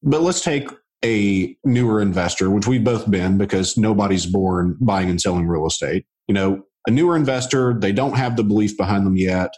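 A man hosting a real estate podcast, chatting in a relaxed way with lots of casual fillers. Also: fairly low pitch, moderate pace. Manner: relaxed, chatty, many fillers like "you know". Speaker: podcast host. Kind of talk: casual interview chat.

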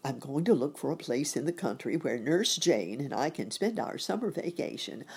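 A woman's voice: deep voice, animated, normal speed, breathy edge, exaggerated voice. A woman voicing a jolly, kindly old rabbit uncle in a children's storybook, genial and old-fashioned in phrasing.

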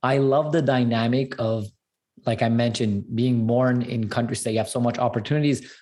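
A man's voice: medium pitch, steady tone, moderate pace, dark tone. A man from Canada telling his life story as a guest in a casual interview, earnest and upbeat, repeating words for emphasis. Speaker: guest entrepreneur and speaker.

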